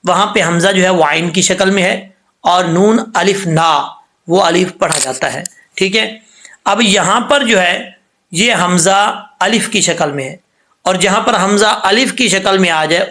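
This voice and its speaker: A man teaching Quran reading in a patient lesson, spelling out syllables slowly and checking often that the learner follows. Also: a little high, bright, forceful tone. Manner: patient, repeats each syllable slowly and asks "ٹھیک ہے؟" often. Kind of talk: recitation lesson.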